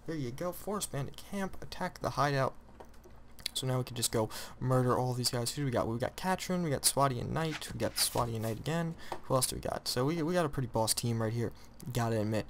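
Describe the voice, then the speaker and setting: A teenage boy giving rambling, excitable let's-play commentary, often correcting himself mid-sentence. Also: mid-range voice, brisk, a little hiss or hum. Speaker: gamer.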